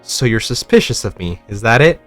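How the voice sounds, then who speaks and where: A man's voice: fairly low pitch, sing-song, brisk, fairly bright tone, soft background music. A man voicing a flustered young woman who speaks nervously and pleads her innocence, in a game story reading. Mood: defensive.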